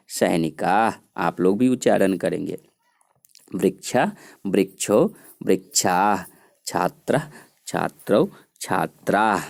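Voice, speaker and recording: A man teaching a grammar lesson, slowly reciting word forms for students to repeat. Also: low voice, a little mellow. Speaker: Sanskrit teacher.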